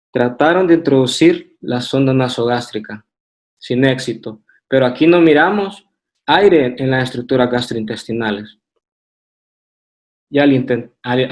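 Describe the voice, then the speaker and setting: A man's voice: mid-range voice, darkish tone. A man with a Honduran Spanish accent presenting a radiology lecture from slides, methodical, with hesitant fillers and restarts.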